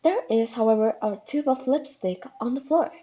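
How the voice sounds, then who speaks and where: A woman reading a webcomic aloud on a live stream, animated and casual, with quick asides. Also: on the high side. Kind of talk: casual live read-along.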